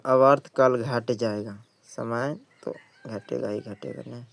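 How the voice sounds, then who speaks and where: Reading exam questions aloud and then explaining the answers, a man works through a lesson, often going over the same points again. His mid-range voice is smooth with a somewhat dark tone.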